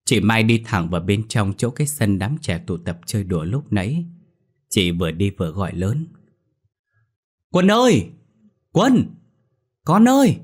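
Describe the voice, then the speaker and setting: Low-voiced male horror story narrator. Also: normal speed. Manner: steady storytelling.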